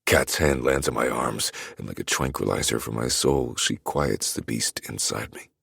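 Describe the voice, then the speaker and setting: A man narrating an audiobook in the first person, his voice extremely deep and gravelly with a husky edge. He reads in a brooding, measured way. The recording is close and dry. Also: fairly bright tone, no echo.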